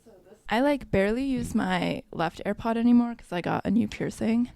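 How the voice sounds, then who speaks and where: This podcast co-host, a young adult woman, has a slightly high, creaky, somewhat mellow voice with lively intonation and a fairly quick pace, and there's no room sound at all. She chats casually, full of "like" fillers, dramatizing what others said.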